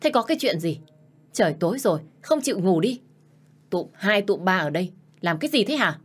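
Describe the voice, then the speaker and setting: A woman's voice: mid-range voice, sing-song, brisk, breathy edge. A woman voicing a stern older stepmother who scolds sharply. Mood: scolding.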